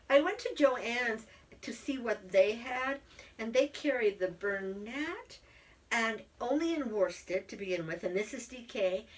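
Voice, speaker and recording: A woman's voice: on the high side, far from the mic. A middle-aged woman co-hosting a crafting podcast, chatting in a rambling, friendly way with plenty of fillers. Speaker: podcast co-host, yarn dyer. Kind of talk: casual chat.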